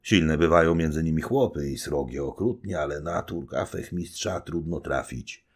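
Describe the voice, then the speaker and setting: Steady little knight, calm and curt, close to the reader's own husky voice, read by a man. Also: extremely low pitch, moderate pace, full character voice.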